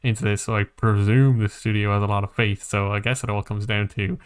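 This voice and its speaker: A man hosts a casual podcast about games and films, thinking aloud in a hesitant, rambling way. His voice is fairly low, clear, and resonant, with brisk delivery and fairly even intonation.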